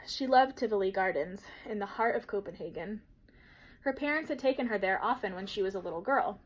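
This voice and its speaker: A woman teacher reading a children's novel aloud in a steady, gentle storytelling manner. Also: mid-range voice, fairly quick, poor audio.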